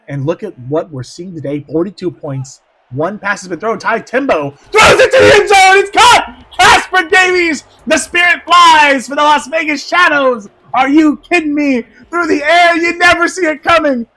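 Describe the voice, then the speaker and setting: Over a rough recording, a man with a very high voice commentates on a football match play-by-play. His voice is wearing hoarse, and he shifts from soft asides to shouted excitement.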